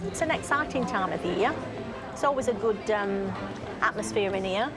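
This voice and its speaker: A woman's voice: medium pitch, animated, normal speed, recorded from a distance, loud music behind the voice, a loud crowd. A woman, an emergency call centre worker, talking casually in a documentary interview.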